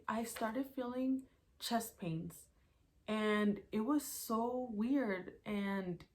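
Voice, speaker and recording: With a mid-range voice and a bit of hiss or hum on the recording, a young woman chats casually to her YouTube channel, telling a story day by day from her notes and leaning on lots of filler words.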